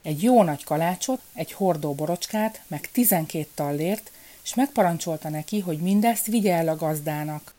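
Low mellow woman telling a fairy tale. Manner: calm, measured storytelling. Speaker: storyteller.

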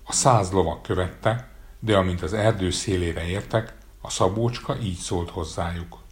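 Man, deep voice, calm storytelling, fairy-tale reading. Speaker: narrator. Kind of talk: fairy-tale read aloud.

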